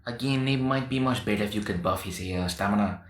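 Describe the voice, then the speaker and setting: A man co-hosting a casual chat about game design, soft-spoken and trailing off quietly. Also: fairly low pitch, brisk, echoey room. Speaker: podcast co-host.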